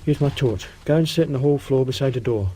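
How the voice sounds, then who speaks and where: In a radio drama, a man plays a cautious, matter-of-fact burglar for hire who gives terse, bossy instructions in colloquial speech. His medium-pitched, natural voice has a dark tone and moves fast. The mood is calm and businesslike.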